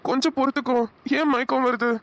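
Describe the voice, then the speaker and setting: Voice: high-pitched, steady tone, fast, a bit bright, no room sound. A voice actor playing a caring young village husband in a cartoon, speaking in a coaxing, reassuring way. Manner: coaxing, reassuring, rustic address. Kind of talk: cartoon voice acting.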